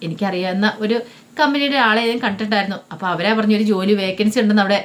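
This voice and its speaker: Wry teasing middle-aged man read by a woman, quick and dry. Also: medium pitch, fairly even intonation, close to an everyday voice.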